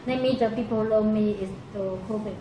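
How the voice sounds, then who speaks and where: A young woman from Wuhan whose first language is Chinese, running a tea shop and answering in halting, broken English. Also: medium pitch, steady tone, highs cut off. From Wuhan, China. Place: indoor tea shop room. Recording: distant, echoey, noisy room sound.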